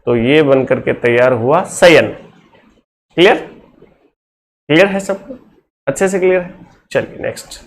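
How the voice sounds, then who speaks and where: A male teacher with a fairly high voice leads a classroom lecture at a measured, unhurried pace. He works through each step slowly and keeps throwing quick questions back at his students to check they follow. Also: animated. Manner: explains step by step with constant rhetorical questions to students.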